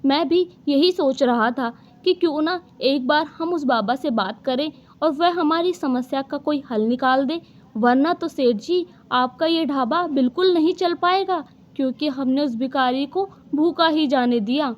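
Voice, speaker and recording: A woman's voice: high voice, unhurried, lo-fi sound. A woman voicing a loyal, worried male servant in a cartoon, advising his master earnestly. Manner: earnest, persuasive. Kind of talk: cartoon voice acting.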